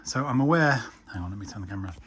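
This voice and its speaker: Man, fairly low voice, casual DIY vlog, chatty, self-deprecating, noticeable background noise. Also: lively intonation, racing, fairly bright tone. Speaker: DIY vlogger. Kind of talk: casual talk to camera.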